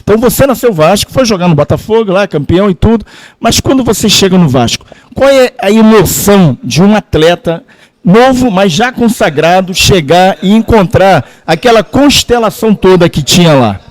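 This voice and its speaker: A man's voice: sits high, expressive, normal speed. A man, hosting an interview in a restaurant and asking long run-on questions. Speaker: host.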